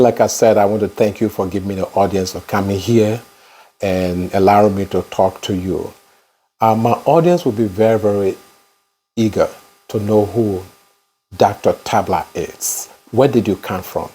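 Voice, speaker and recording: Male interviewer, lowish voice, formal and deliberate host. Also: mellow. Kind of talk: interview hosting and channel intro.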